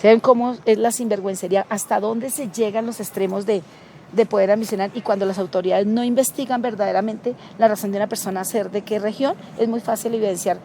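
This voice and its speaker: A woman's voice: mid-range voice, fast talker, a little hiss or hum. A middle-aged Colombian woman, a community leader, telling stories in an interview and acting out the dialogue. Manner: animated, acts out quoted dialogue. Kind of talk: interview storytelling.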